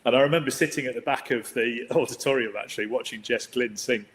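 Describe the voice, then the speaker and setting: A man's voice: medium pitch, fast. A man, a marketing executive, answering an interview question hesitantly with many restarts. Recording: long hall reverb.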